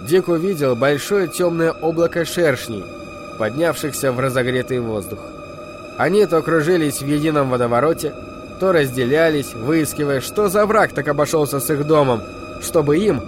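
A man reading a novel aloud as narrator, with measured, expressive storytelling. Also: on the high side. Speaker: audiobook narrator. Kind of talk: scripted narration.

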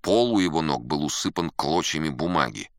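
A man reading a story aloud, calm and measured. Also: a bass voice, no echo, clean studio sound. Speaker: narrator. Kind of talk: audiobook narration.

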